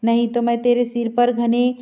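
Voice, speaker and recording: A woman voicing a gentle, sorrowful dying mother in a read-aloud story, with a soft, pleading tone. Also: on the high side, monotone, normal speed, close to an everyday voice. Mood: tender. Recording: slightly dull lo-fi recording.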